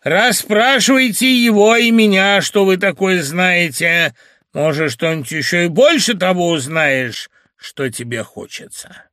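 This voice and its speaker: A man reading aloud and voicing a defiant young merchant's wife, shrill and mocking. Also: unhurried, sharp tone, dry recording, studio quality. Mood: defiant taunting.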